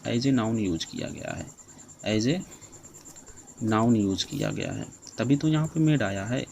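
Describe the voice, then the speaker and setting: A man's voice: medium pitch, creaky, fairly bright tone, a little hiss or hum, poor audio. Man teaching English grammar in Hindi. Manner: repeats "friends" often, explains slowly; reads English rules slowly and deliberately.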